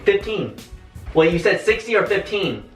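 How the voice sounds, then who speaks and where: A man chatting casually as a vlogger, with an excitable, exclamatory way of talking. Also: high-pitched, normal speed. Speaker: challenge participant and vlogger. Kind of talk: casual vlog chat. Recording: echoey room, distant mic, faint music.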